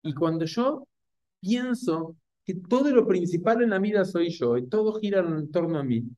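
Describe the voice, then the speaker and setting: A man with a Rioplatense Spanish accent giving a Torah class to an audience, animated and full of rhetorical questions. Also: high voice, moderate pace, dry recording. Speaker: rabbi or Torah teacher.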